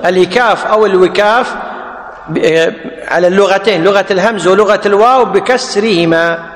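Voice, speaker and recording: A man's voice: sits high, brisk, roomy sound, long reverb tail. A man with a Kuwaiti Arabic accent teaching a classical Arabic lesson, dictating and repeating word forms for his students.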